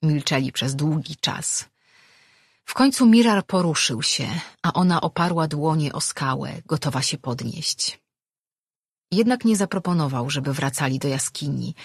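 Woman, audiobook narrator, low voice, husky, measured, dry close recording. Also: animated, dry recording. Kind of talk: audiobook reading.

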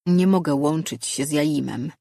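A woman voicing a weary, troubled man who speaks softly and gently. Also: sits low, moderate pace, gravelly, no echo, studio quality. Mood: gentle. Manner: soft, gentle, tired. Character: weary, troubled male sorcerer.

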